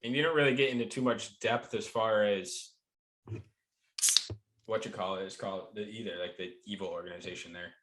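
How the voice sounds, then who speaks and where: Low-voiced rambling male podcast co-host. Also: steady tone, brisk, background noise. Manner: rambling, swears, many fillers. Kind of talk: casual chat.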